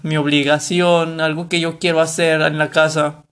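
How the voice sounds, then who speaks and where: A man's voice: fairly high pitch, level tone, normal speed, fairly bright tone, clean tone. A young man with a Mexican Spanish accent, talking casually to camera about a book, rambling and correcting himself. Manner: rambling, self-correcting, colloquial. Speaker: vlogger reviewing a book.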